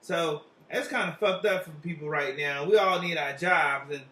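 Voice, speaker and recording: A man's voice: on the high side, moderate pace, sharp tone. A man hosting a comic advice hotline, talking in a rambling, slangy, profane and casual way. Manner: profane, slangy, rambling, repeats tag questions. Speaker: comedic tarot advice hotline host. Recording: roomy echo, distant from mic.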